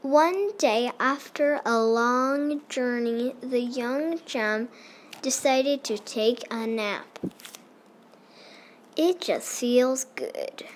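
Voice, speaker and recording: A woman's voice: fairly high pitch, slight background noise. A woman reading as a prim alien storyteller. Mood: storytelling. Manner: halting, pausing reader. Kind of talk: fan comic reading.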